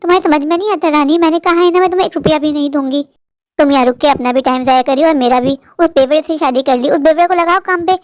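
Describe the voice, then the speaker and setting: A woman's voice: high-pitched, fairly even intonation, quick pace, no echo, studio quality, voice pushed down, natural voice. A woman voicing a harsh, scolding wealthy employer in a cartoon, talking down with contempt. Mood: scornful. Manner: contemptuous, lecturing. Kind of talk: cartoon voice-over.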